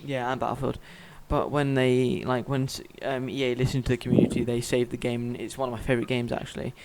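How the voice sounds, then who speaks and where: A young man in casual chat about video games, blunt and quick to swear. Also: medium pitch, completely flat delivery, a crowd in the background, rough recording. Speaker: gaming YouTuber. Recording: faint noise with clicks.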